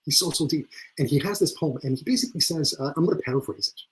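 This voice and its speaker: A man's voice: a little high, fast, a little hiss or hum, poor audio. A man speaking as a leadership coach and speaker in an online webinar, earnest in manner and often repeating words as he starts a phrase. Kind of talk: webinar talk. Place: video call.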